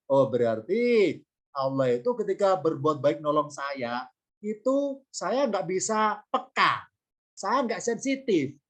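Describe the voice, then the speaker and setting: Chatty male ustadz teaching by example. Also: high voice. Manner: conversational, repetitive, explains through everyday examples. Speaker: Islamic teacher. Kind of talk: informal religious grammar lesson.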